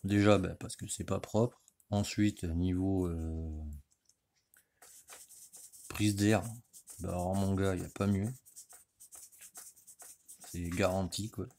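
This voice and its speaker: Low-voiced rambling mechanic man. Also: fairly even intonation, takes it slowly, long pauses, mellow, slight background noise. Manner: rambling and slangy, saying "tu vois" constantly. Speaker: motorcycle mechanic. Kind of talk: casual workshop how-to talk. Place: home workshop or garage.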